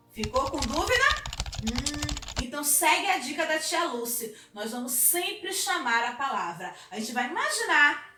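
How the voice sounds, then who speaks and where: A Brazilian woman with a high, bright voice teaches a children's video lesson, upbeat and drawing out syllables to show which one is stressed. She sounds a little distant from the mic in an echoey room, with music playing underneath. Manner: upbeat, drawn-out syllables when sounding out words. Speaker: primary school teacher.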